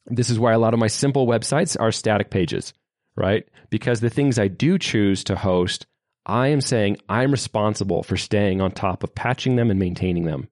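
A man's voice: lowish voice, moderate pace, no echo, studio quality. A man hosting a programming podcast, sharing opinions in a conversational way. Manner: opinionated, conversational, lively emphasis. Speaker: podcast host. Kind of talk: tech podcast talk.

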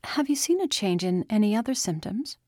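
A woman voicing a female doctor who speaks in a measured, professional way to a patient. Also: medium pitch, sing-song, dry recording, studio quality. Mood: clinical. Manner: measured, softening.

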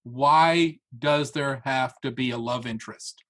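A man's voice: mid-range voice, measured pace. A man co-hosting a casual podcast, arguing animatedly about movies. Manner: argumentative, animated. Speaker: podcast co-host. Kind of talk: casual chat.

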